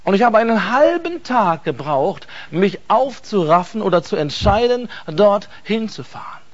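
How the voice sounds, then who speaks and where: A man telling an emotional personal faith testimony, earnest and halting, repeating words for emphasis. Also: sits high, big pitch swings, muffled recording. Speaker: speaker giving a faith testimony.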